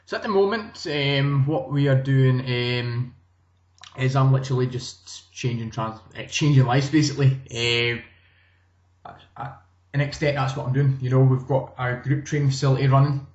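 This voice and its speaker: A Scottish man runs a gym and chats casually as a guest. His relaxed, easygoing delivery often doubles back on itself. The audio is echoey and dull, like a call from a bare room. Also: mid-range voice, moderate pace. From Scotland. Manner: relaxed, conversational, many restarts. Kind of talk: casual interview chat.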